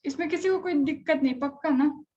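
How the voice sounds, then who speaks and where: A high-voiced woman teaches a chemistry lesson and keeps stopping to ask her students whether anything is unclear. The sound is dull and lo-fi. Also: a little fast, mellow. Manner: conversational, checks on students often. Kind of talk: live online class lecture.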